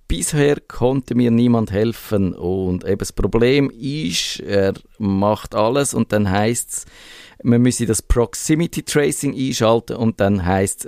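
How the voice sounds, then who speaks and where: A man's voice: mid-range voice, creaky, darkish tone, no room sound, clean studio sound. A man with a Swiss German accent co-hosting a casual tech radio chat, chatty and hesitant, laughing often. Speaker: radio tech show co-host.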